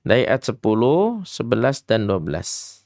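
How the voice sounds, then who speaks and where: A man teaching Quran recitation to children in an interactive radio lesson, mixing brisk explanations with slow, drawn-out chanted examples and speaking to the children directly. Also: mid-range voice, sing-song, vocal fry, a little mellow, no echo, studio quality. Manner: addresses children directly, patient instructive tone.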